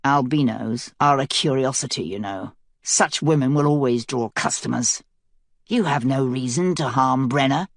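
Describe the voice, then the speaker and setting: A woman reads a cynical caged man, low voice, slow mocking drawl, each jab pushed in lazily. he's dry and close in the audiobook, no room around him. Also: no echo. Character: cynical scheming male prisoner, sly.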